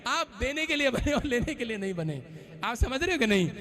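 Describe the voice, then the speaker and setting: A male pastor, preaching a sermon in church with emphatic, joking storytelling and shouted prayers. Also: extremely high pitch, sing-song, a little fast.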